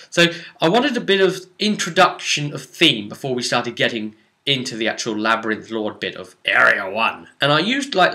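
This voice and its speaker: Recounting his tabletop campaign in a loose, informal way, this game master narrates with drama and emphasis. He speaks at medium pitch with a sharp tone.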